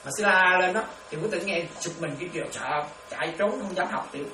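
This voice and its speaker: A woman's voice: fairly low pitch, fast. A woman giving a dharma talk as a Buddhist nun, laughing often and checking again and again that her listeners follow. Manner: lively, laughs often, keeps checking understanding with questions. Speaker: Buddhist nun teaching meditation. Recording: echoey room, distant mic, noisy.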